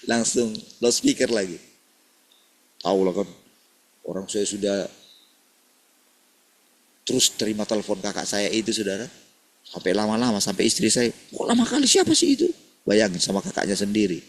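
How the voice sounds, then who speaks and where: A man's voice: on the low side, steady tone, moderate pace, pauses often. A man preaching a morning sermon in a casual, conversational way, often calling listeners "saudara" and acting out family dialogue. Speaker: pastor.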